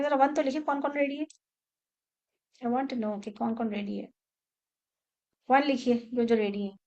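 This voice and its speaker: A woman teaching an online Quran memorization class, giving brisk instructions, checking in often with her students, and slowing down to recite verses. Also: a little high, a little mellow. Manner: switches between brisk instructions and slow, drawn-out recitation of verses; checks in often with the class, repeating short questions.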